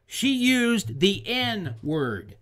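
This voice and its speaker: A man hosts his own talk show, holding forth on politics in a fairly high voice that swoops up and down. He hammers his points with repetition and punchy emphasis, pitching his opinions straight at the listener. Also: very animated, extremely slow, a bit bright. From Oklahoma, US. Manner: emphatic, repeats lines for punch. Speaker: show host.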